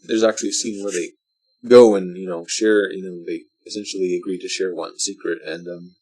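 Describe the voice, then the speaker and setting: A drunk man giving casual, rambling movie commentary, halting and meandering, often trailing off mid-thought. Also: low voice, fairly even intonation, darkish tone, husky, poor audio. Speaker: vlogger reviewing a film.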